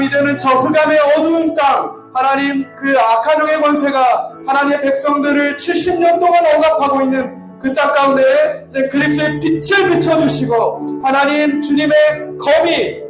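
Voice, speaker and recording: A man preaches in a strikingly high voice, building into fervent, shouted prayer. His voice rings through an echoey church sanctuary. Instrumental music plays clearly behind him. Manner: impassioned, rising to shouted prayer.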